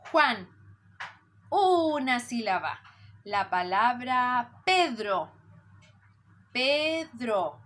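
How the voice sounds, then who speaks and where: A woman teaching preschoolers, patient and warm, stretching out syllables as she counts them. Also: on the high side, slight background noise. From Chile. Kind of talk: slow lesson for young children.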